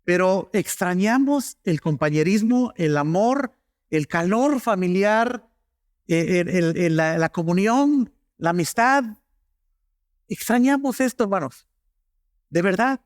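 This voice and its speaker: Middle-aged pastor preaching, chatty and anecdotal, with a high, expressive voice. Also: male voice, takes it slowly, dry recording, studio quality. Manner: anecdotal, conversational preaching with frequent asides to the congregation. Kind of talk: sermon.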